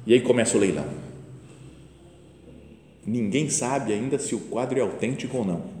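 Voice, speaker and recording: A man's voice: mid-range voice, moderate pace, a little hiss or hum. A man casually retelling a film's plot as a host, acting out the quotes. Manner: animated storyteller, acts out quotes. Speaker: podcast host. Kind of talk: casual film retelling in a meditation talk. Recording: roomy reverberant room.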